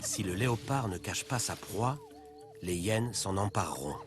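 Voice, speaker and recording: Low-voiced man narrating a nature documentary. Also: animated, a little slow, noisy background. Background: loud background music.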